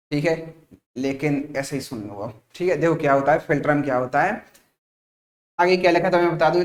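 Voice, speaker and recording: In an echoey room, a higher-voiced man delivers an exam-prep science lecture, explaining step by step, repeating "ठीक है", and asking questions he then answers himself. He jokes with his students and calls them "भाई साहब".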